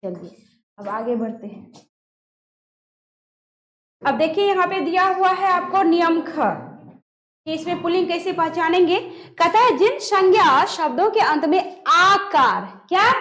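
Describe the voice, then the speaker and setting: Female grammar teacher, very high-pitched, echoey room, quizzes the class and answers her own questions. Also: lively intonation, a little slow, long pauses, fairly bright tone. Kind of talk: classroom-style grammar lesson.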